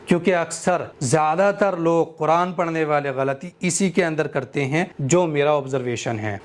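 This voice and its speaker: A man teaching a Quran recitation lesson, explaining patiently step by step and slowly drawing out the recited examples. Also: on the high side. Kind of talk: tajweed lesson.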